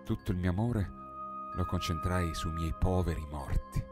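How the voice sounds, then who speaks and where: A man's voice: sits low, normal speed. A man narrating a 19th-century tale as an audiobook, in an impassioned, dramatic reading that swells in the dialogue. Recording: studio narration over singing bowl music.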